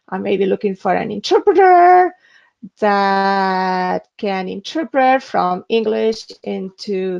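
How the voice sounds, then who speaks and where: In an instructional webinar with a screen demo, a woman from Spain working as an interpreter speaks in a gravelly voice that sits fairly high and sounds a little mellow. She gives earnest advice while hesitating often, and the webinar audio is dull and lo-fi.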